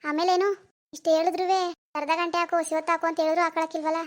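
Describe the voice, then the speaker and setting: A woman voicing a hesitant, sulky young married daughter in an animated cartoon, speaking softly. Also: very high-pitched, very fast. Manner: soft, reluctant.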